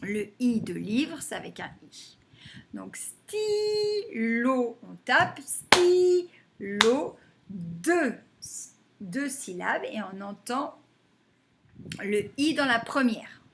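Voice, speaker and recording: A woman teacher giving a phonics lesson to young children, saying words slowly and clapping them out syllable by syllable. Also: medium pitch, lively intonation, creaky, fairly bright tone, slight background noise. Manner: slow and deliberate, stretching and clapping out words syllable by syllable.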